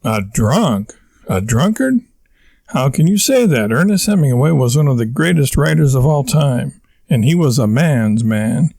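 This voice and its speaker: A man voicing a pompous, excitable middle-aged husband who declaims grandly in a dry, close sound. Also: medium pitch, normal speed, vocal fry, dry recording. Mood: indignant. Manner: indignant, declaiming, self-important.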